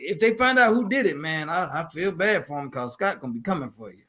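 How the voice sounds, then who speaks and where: A man co-hosting a casual sports chat in an animated, folksy and exclamatory way. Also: on the high side, a little fast. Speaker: co-host.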